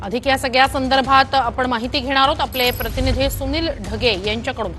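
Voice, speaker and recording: A woman's voice: high-pitched, brisk, a bit bright, faint music behind. A woman news anchor presenting a story and handing over to a reporter in a formal manner, with brief hesitations.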